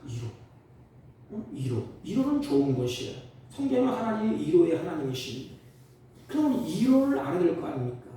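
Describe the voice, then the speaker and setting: A male pastor preaching a Sunday sermon, swinging from loud exhortation to hushed, tender asides. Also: high-pitched, slight background noise. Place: church sanctuary. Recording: roomy church sound from a distant mic.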